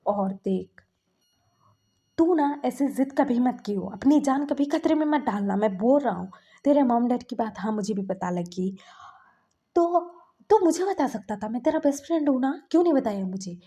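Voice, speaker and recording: A woman doing a bossy, protective young man in a read-aloud story, higher voice, mellow tone. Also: lively intonation, normal speed, husky. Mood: scolding. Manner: scolding, bossy. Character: protective, scolding young man, best friend.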